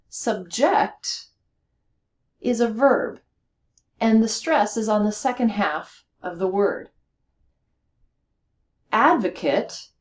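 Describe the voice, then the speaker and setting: A woman teacher walks students through word forms. She speaks slowly and deliberately, leaning on stressed syllables. Her voice sits at an ordinary middle pitch. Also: a little mellow. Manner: slow, carefully enunciated, stresses word syllables. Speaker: English teacher. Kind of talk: recorded vocabulary lesson.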